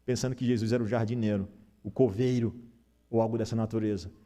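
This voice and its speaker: A man's voice: on the low side, steady tone, fast, warm tone. A man with a Brazilian Portuguese accent, preaching an Easter sermon as pastor and asking the congregation rhetorical questions.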